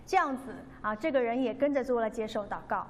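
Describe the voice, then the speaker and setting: A woman's voice: a little high, fast talker, a little mellow. A woman giving an earnest, devout personal testimony, telling the story and acting out the dialogue. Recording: long reverb, faint background noise.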